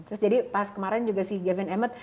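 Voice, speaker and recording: A woman co-hosting a podcast in a casual chat, chatty and animated, often laughing and leading the talk with questions. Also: medium pitch, rapid-fire. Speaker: podcast co-host.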